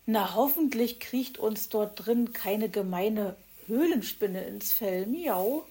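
A woman's voice: mid-range voice, expressive, takes it slowly, dark tone, breathy edge, exaggerated voice. A woman voicing a grumpy tomcat who tacks a meow onto his complaints. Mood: grumbling. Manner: whiny, ends lines with meow.

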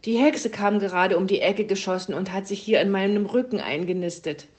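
A woman's voice: mid-range voice, a little fast, a little mellow, natural voice. A woman voicing a bossy male gnome who barks out commands in a children's story. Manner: barked commands.

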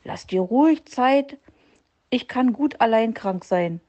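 A woman voicing a sly male fox who fakes being ill, wheedling and quick to take offence. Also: fairly high pitch, animated, mellow. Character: sly scheming male fox faking illness.

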